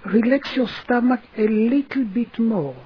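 A person guiding a relaxation session in a soothing manner, giving gentle instructions with long pauses. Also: mid-range voice, breathy edge, highs cut off. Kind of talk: guided relaxation narration.

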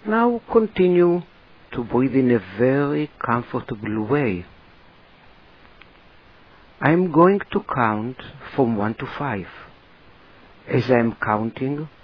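A man narrating a guided relaxation, giving slow, deliberate instructions in short phrases with a husky voice. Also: medium pitch, expressive, lo-fi sound.

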